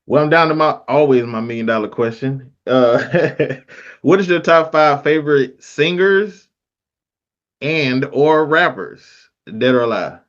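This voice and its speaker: A man hosting a podcast interview, laid-back and quick to laugh. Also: on the high side, highs cut off. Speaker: podcast host. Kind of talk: casual interview chat.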